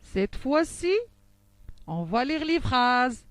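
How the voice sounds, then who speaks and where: A woman teaching young children to read, speaking slowly and articulating each sound with care. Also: sits high, big pitch swings, no echo. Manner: slow, carefully articulated, syllable by syllable. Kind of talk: slow phonics lesson for young children.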